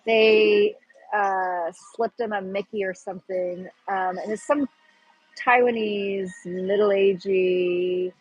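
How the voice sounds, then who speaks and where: Rambling as she searches for words, a livestream host from the Pacific Northwest chats casually in that region's American accent. Her mid-range voice is steady, slow and husky, and the dull audio carries no echo.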